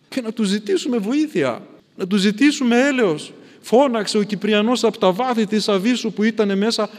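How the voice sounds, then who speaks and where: High-voiced preacher in a reverberant church. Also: male voice. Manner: emphatic, repetitive phrasing with sudden drops to near-whispers. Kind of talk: sermon.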